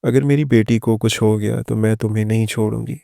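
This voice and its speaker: A man voicing a stern, angry mother who scolds harshly, in a low, flat, gravelly voice. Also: dry recording, clean studio sound.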